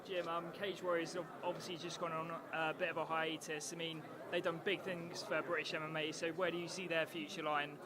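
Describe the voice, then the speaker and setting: A man's voice: a little high, little pitch movement, a little fast, hardly any pauses. A man asking casual questions as an interviewer in a sports interview. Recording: crowd chatter behind, urban venue.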